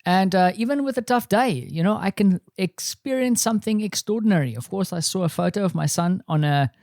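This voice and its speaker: A man's voice: high voice, a little fast, a little mellow, dry recording, clean studio sound. A middle-aged man hosting his own podcast, rambling and self-deprecating in a casual solo monologue. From South Africa. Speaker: podcast host. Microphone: studio microphone.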